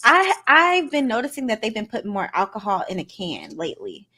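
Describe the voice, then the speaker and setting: A woman's voice: medium pitch, wildly swooping pitch, fairly quick, sharp tone. A woman co-hosting a podcast, giving her opinions in casual chat. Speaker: podcast co-host.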